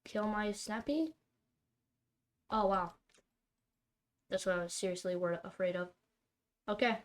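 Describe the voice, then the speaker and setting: A woman's voice: mid-range voice, measured pace. A woman giving running commentary on her own card game, talking to herself and breaking into exasperated outbursts over her bad luck. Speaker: streamer playing a card game. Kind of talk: live gameplay commentary.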